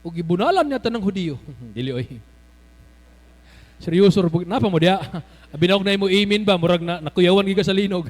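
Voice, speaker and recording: Male pastor, very high voice, swooping lively delivery, shouts and laughs through his stories. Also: a little fast. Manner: animated, bursts into shouts and laughter while telling stories. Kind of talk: sermon.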